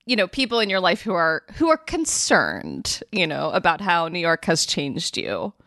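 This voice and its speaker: A woman hosting a podcast speaks in a low-ish, easygoing voice. The recording is dry and close, with no room sound, and she asks her questions with light laughs. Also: huge pitch swings, normal speed, pushed and bright, no room sound. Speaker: podcast host. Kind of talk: casual conversation.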